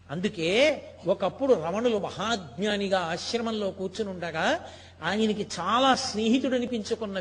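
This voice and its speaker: A man's voice: high-pitched, fairly bright tone, slightly rough. A man delivering a devotional discourse, telling stories with emphasis and asking rhetorical questions. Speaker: spiritual discourse speaker. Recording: long hall reverb.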